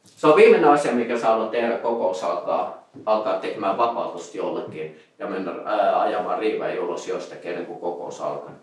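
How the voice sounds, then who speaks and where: A male preacher delivering a sermon in a loose, conversational storytelling manner, often restarting words mid-sentence. His voice rings around a very reverberant room. The mic sits some distance away from him. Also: sits low.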